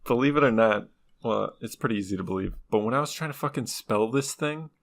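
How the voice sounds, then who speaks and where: A man's voice: mid-range voice, a little fast, gravelly. A man presenting the topic on a casual podcast, laid-back, laughing often and swearing casually.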